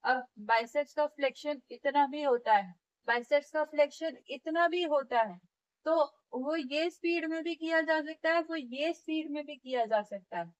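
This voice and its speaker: A woman's voice: high-pitched, moderate pace, lo-fi sound. A woman teaching physiotherapy in a step-by-step classroom lecture, often checking in with her students and demonstrating movements as she explains.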